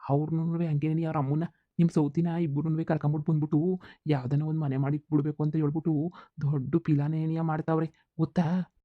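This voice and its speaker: A man's voice: a little high, flat delivery, no echo, phone-quality sound, natural voice. A man voicing a deferential, gossiping village farm servant in a cartoon comedy. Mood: tattling. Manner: deferential, tattling, rapid.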